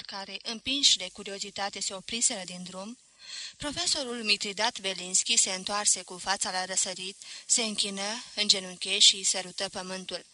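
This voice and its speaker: A woman narrating a literary novel in a steady, expressive storytelling manner. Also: mid-range voice, no echo, poor audio. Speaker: audiobook reader.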